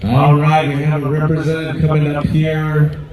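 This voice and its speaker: A man working as a powwow emcee, announcing over a PA with drawn-out names and joking asides. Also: on the high side, completely flat delivery, darkish tone, slight background noise. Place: large powwow event over loudspeakers. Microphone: PA microphone, recorded at a distance. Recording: echoey PA from far off, crowd around.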